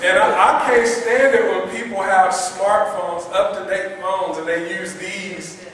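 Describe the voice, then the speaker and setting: A fairly high-pitched man preaching as a pastor, upbeat and conversational, stacking repeated words for emphasis and tossing questions to the congregation. He sounds distant from the mic, his voice ringing through a very echoey church hall with a long tail of reverb and faint noise underneath. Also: fairly even intonation, a little slow. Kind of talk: sermon.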